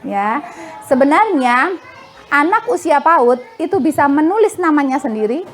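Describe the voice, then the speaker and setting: Lively high-pitched woman with a lilt, coaching mothers and playing both parent and child in her examples. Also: normal speed, a little hiss or hum. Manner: acts out parents and children in quoted dialogue; chatty, laughs while explaining. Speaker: parenting class speaker.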